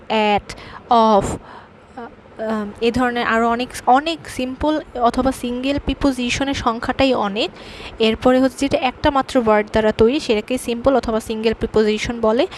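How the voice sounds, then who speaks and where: A young woman teaching English grammar to students, patient and repetitive, pausing often with fillers as she explains. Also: a little high, slight background noise. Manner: patient, repeats key terms with many fillers.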